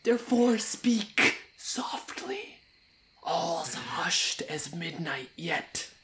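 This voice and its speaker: An actor playing a brutish, scheming island monster who speaks in hushed whispers. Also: mid-range voice, lively intonation, slow. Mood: conspiratorial. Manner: hushed, whispering then shouting.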